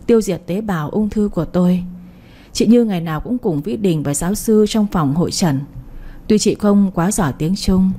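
Mellow-voiced woman storyteller. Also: medium pitch, breathy edge. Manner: soft, emotional first-person reading. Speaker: audiobook storyteller. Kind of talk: scripted late-night story narration.

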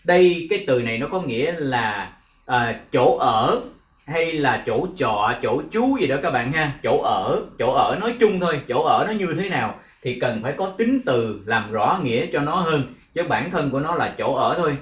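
A man with a Vietnamese accent teaches English pronunciation in a relaxed, chatty way. He repeats each word slowly and breaks it down sound by sound. His voice sits at a middle pitch, and it echoes around the room. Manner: drills words over and over, breaks them into sounds.

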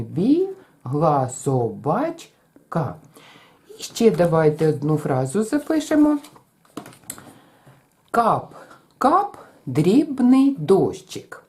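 A woman's voice: fairly low pitch, mellow. A woman music teacher giving a children's lesson, patiently chanting words syllable by syllable. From Ukraine.

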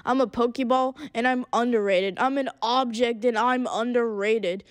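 A woman's voice: a little high, fairly even intonation, moderate pace, dry recording, natural voice. A woman voicing a boastful talking Pokeball in a homemade comedic rap battle, trash-talking brashly over faint music. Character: cocky talking Pokeball object, boastful rapper.

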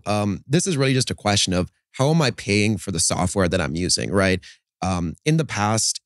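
In a conference podcast studio set indoors, a startup co-founder in his thirties explains his business fluently during an interview, often tacking on "right?" His lowish voice sounds slightly worn from a busy conference. He wears headphones and speaks into a studio mic on a boom arm, and the sound is dry and clean.

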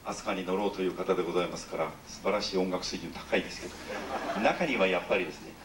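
A man's voice: deep voice, rapid-fire, noisy background. A middle-aged man leading an audience sing-along on a ship's stage. He is jokey and overly polite, and he teases the crowd. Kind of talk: live stage banter with call-and-response singing. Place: ship's concert hall with an audience. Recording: roomy, distant live hall recording with music. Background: instrumental music.

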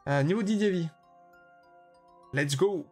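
Male streamer, blunt and talkative, slightly higher pitch, soft game music underneath. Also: slow, slightly rough. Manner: chatty, judges viewer levels bluntly, answers chat by name. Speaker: streamer playing a level-making platform game. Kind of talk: casual live-stream commentary to chat.

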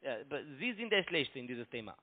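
Over a tinny narrowband telephone line, a man from outside Germany argues with a foreign accent, clearly not a native German speaker. His mid-range voice is sing-song and brisk. As the caller, he defends himself over and over in broken grammar.

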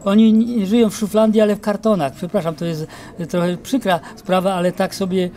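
A man in his sixties, an actor, being interviewed in an outdoor courtyard into a handheld mic, reminiscing with many pauses and fillers. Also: high voice, fairly even intonation, dark tone. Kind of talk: casual interview. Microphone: handheld mic held by interviewer.

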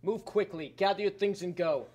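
A man's voice: high-pitched, moderate pace, darkish tone, husky. A young man acting a stern, commanding king on stage, speaking harshly and with authority. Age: young adult. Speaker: student stage actor.

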